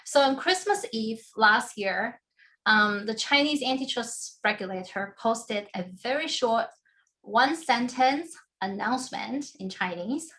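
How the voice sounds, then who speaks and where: A woman law professor giving a book talk with slides, explaining in a measured way and often checking in with "right?". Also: a little high, sharp tone. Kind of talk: academic lecture with slides.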